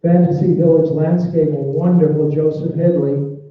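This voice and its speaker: A man's voice: a little high, fairly even intonation, moderate pace. A man working as an auctioneer at a live auction, calling lots and bids in repetitive patter full of numbers. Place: large echoey auction room. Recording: echoey hall from far off, muffled phone-like sound.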